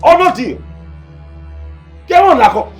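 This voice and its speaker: A man's voice: extremely high pitch, big pitch swings, unhurried, faint music behind, heavily acted. An actor with a Nigerian accent playing a defiant young man who rejects a royal claim, agitated and repeating himself. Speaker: young man told he is a king's heir.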